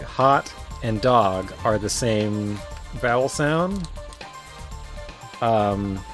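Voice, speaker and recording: A man with an Ontario Canadian accent, chatting casually and rambling while he streams a game. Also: mid-range voice. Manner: rambling, musing, many fillers and restarts. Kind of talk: casual commentary while playing. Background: faint game music.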